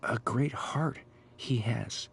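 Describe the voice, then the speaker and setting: A man playing a gentle, eccentric groundskeeper in a video game, musing slowly in cryptic, deliberate phrases. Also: medium pitch, creaky, a little hiss or hum.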